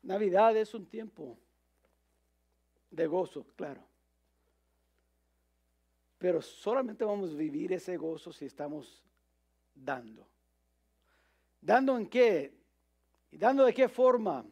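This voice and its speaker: High-voiced, gravelly man preaching. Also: expressive, slow pace, pauses often, darkish tone. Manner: storytelling, with frequent restarts and fillers. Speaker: pastor. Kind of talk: sermon.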